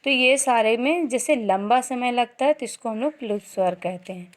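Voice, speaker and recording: A woman school teacher giving an online grammar lesson, patiently explaining and sounding out letters slowly. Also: fairly high pitch, a little hiss or hum.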